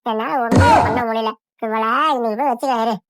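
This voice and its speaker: A woman's voice: mid-range voice, little pitch movement, rapid-fire, background noise, natural voice. A woman voicing a nagging, suspicious old mother-in-law in a cartoon, with a scolding, complaining manner. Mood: calling, complaining. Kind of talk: cartoon voice acting.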